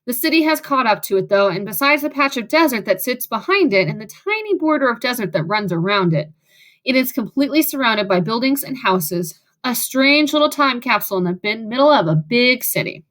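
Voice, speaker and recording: A woman's voice: on the high side, expressive, fairly quick, fairly bright tone. A woman reading a first-person audiobook in a wry, sarcastic way. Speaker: audiobook narrator.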